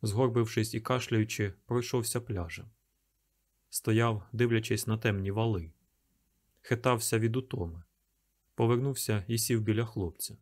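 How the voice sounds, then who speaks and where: A man reading a novel aloud in calm, measured audiobook narration. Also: on the low side.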